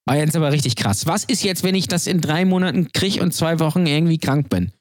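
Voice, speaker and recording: A man's voice: a little high, quick pace, dry recording, clean studio sound. A man co-hosting a podcast, talking at length in an opinionated, rambling way with many fillers. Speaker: podcast co-host. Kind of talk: casual podcast banter.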